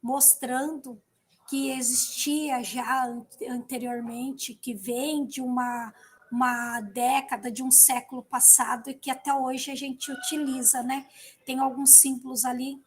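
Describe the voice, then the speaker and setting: A woman's voice: high-pitched, little pitch movement, a little slow. A Brazilian woman teacher chatting thoughtfully on a video call, with frequent tag questions. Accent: Brazilian Portuguese. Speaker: teacher, workshop participant. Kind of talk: online workshop discussion.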